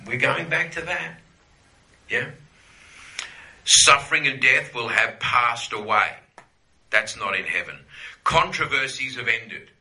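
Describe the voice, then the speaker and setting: A man's voice: medium pitch, expressive, slow pace, long pauses, bright, forceful tone, echoey room, rough recording. A man teaching a Bible class to a group, conversational, often checking in with "yeah?" and repeating phrases for emphasis.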